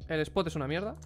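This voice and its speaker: A young Spanish man with a Spanish accent reviews a player's matches on a live stream, giving blunt, informal commentary into a headset and answering questions from chat. His voice is a little high.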